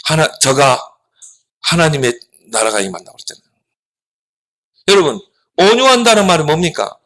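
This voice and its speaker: A middle-aged man preaching a children's sermon, animated, asking the children questions and answering them himself. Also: a little high, moderate pace, poor audio. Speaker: pastor.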